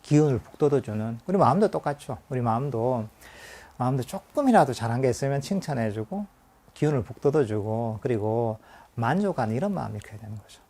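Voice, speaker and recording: A man's voice: mid-range voice, lively intonation, a little fast, dark tone. A male Buddhist monk giving a conversational meditation lecture, full of fillers and restarts. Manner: conversational teaching with acted inner-voice quotes and light laughter.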